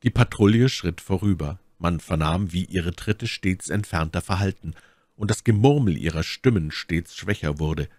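A man reading a classic novel aloud as a narrator, with expressive, dramatic narration. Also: low voice, moderate pace, no echo. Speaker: audiobook narrator.

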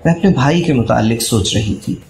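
A man's voice: mid-range voice, expressive, normal speed, vocal fry, darkish tone, pitched below the performer's own voice. A man voicing an anxious, devoted young sister who pleads urgently, in an echoey room with faint music. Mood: pleading.

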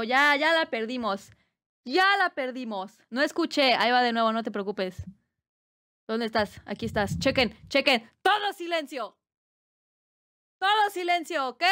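High, smooth-voiced Mexican woman streamer. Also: animated, unhurried, long pauses, sharp tone. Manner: playful teasing, bursts of squealing laughter. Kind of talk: casual live-stream chat, reading chat aloud.

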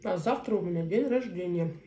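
A woman in her thirties chats casually to viewers as a mukbang vlogger, talking in short, unhurried phrases with pauses as she eats. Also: lowish voice, dark tone. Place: small indoor room at a table. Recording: roomy echo, faint noise, cutlery clinks. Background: cutlery and dishes.

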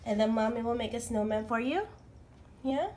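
A young mother with a Filipino accent records a casual vlog indoors on a handheld phone. Her voice sits a little high and she swings between giddy excitement and hushed whispers. Faint noise hangs under the recording. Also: moderate pace. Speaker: mother vlogger.

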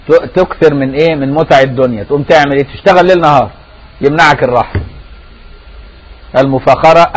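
A Sufi scholar with an Egyptian accent teaches a religious lesson in a slightly high male voice, captured on a low-quality recording. His style is conversational, and he often tests his listeners' grasp with rhetorical questions.

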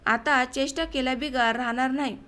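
A scornful village man taunts and sneers, voiced by a woman narrator. The voice stays high and light, read as part of a village story. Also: steady tone, normal speed, a bit bright. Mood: mocking. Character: mocking village man, scornful older brother.

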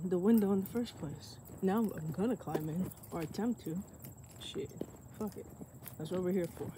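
A woman exploring abandoned buildings, talking casually and bluntly and swearing freely, recorded outdoors on an action camera. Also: fairly low pitch. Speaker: urban explorer. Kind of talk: casual vlog narration. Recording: loud outdoor noise.

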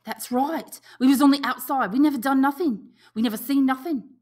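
A woman voicing an anxious, stubborn boy in an audiobook, shrill, excited and insistent. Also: normal speed, natural voice. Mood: insistent, defensive. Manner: excited, insistent, ungrammatical schoolboy talk.

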